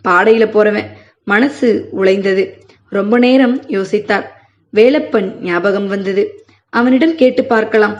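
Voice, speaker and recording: A woman reads a family story aloud in a steady, measured way. Her voice sits fairly high, and the recording is muffled and lo-fi. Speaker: story narrator.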